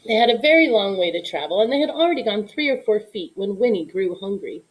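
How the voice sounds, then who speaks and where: A woman giving an expressive read-aloud narration of a children's story. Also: medium pitch, quick pace, low-quality recording. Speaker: storybook reader.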